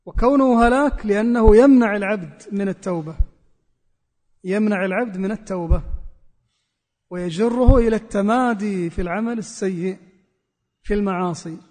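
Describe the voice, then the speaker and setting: A man's voice: high-pitched, moderate pace, pauses often, darkish tone, long reverb tail. A man preacher giving a religious sermon, repeating key phrases for emphasis. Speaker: Islamic preacher.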